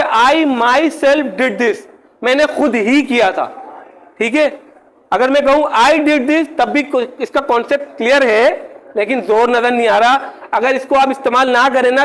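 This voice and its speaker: Very high-voiced man teaching a grammar class. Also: a bit bright, rough recording. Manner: keeps checking if the class follows; slows down to spell out example words. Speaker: English teacher.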